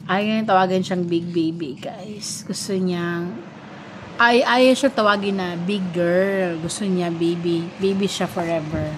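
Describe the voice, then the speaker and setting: A woman's voice: on the low side, steady tone, a little slow. A woman in her thirties with a Filipino accent, chatting casually as a mother vlogging her family life and mixing Filipino with English. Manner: switches between Filipino and English, coaxing her child. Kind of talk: casual family vlog chat. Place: family home. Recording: home recording with background noise.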